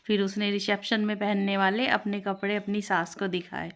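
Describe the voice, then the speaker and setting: A woman narrating a moral storybook tale in an even, clear storytelling manner. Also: medium pitch, moderate pace.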